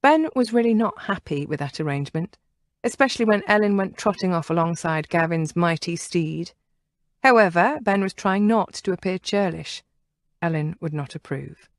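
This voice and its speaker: A woman narrating a historical romance audiobook in a measured storytelling manner. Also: on the low side, no echo, studio quality. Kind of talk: scripted narration.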